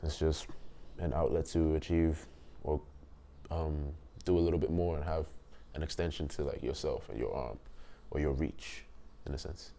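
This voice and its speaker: Very deep-voiced young man from Nigeria. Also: steady tone, gravelly, mellow, slight background noise. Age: 20s. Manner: thoughtful, pausing often to rephrase. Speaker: interviewee. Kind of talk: reflective documentary interview.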